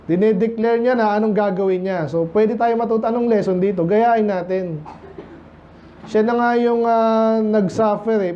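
A Filipino man preaching in a church in a high but mellow voice. He talks with the congregation and keeps putting questions to them. The recording is dull and lo-fi, with faint hiss underneath. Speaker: pastor. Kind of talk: sermon.

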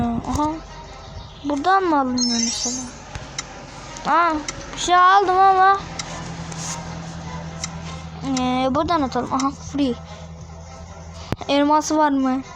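High-pitched woman, mobile gameplay commentary, excitable trash talk, game music playing under her voice. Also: a little slow, pauses often. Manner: excitable, trash-talks enemies. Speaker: mobile gamer. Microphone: phone screen recording.

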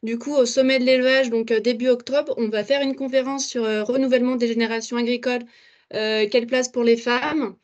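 A woman's voice: fairly high pitch, fairly even intonation, lo-fi sound. A woman taking part in a webinar, speaking with fillers. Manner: quick, with fillers. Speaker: webinar participant. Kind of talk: casual webinar remark.

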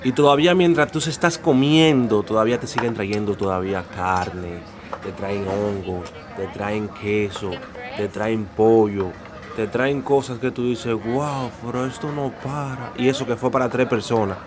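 Guy vlogging his meal, excited, says stuff twice, loud crowd chatter behind. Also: lowish voice, measured pace. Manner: chatty, enthusiastic, repeats phrases. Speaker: food vlogger. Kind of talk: casual restaurant vlog. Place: busy restaurant.

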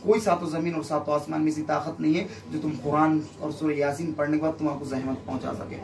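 A man's voice: a little high, fairly even intonation, quick pace. A man, a faith healer, preaching and admonishing a gathered crowd in a commanding, repetitive way. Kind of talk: exorcism session and sermon to a crowd. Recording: roomy, distant mic with crowd behind.

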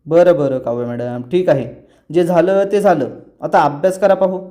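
A man voicing a teasing young architect who gently scolds, while retelling a TV serial scene. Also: fairly high pitch, moderate pace, close to an everyday voice.

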